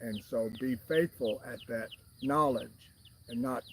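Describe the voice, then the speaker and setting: Male co-host, emphatic and exhorting, mid pitch, slight background hiss. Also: a little slow. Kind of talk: casual chat with preaching asides.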